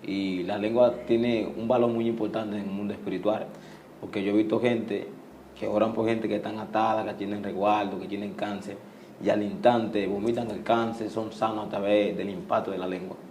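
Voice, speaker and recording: A man's voice: fairly low pitch, little pitch movement, moderate pace, darkish tone, roomy sound, a little hiss or hum. A man hosting a religious interview who often breaks in with amazed exclamations. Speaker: interview host.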